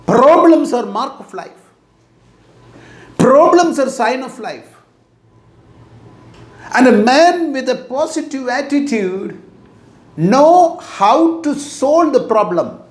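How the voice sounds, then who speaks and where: The echo in this recording suggests a bare room, where a middle-aged man with an Indian English accent, a motivational teacher, is giving an inspirational talk. His voice is very high and lively, and he delivers it slowly and deliberately, going back over his main points.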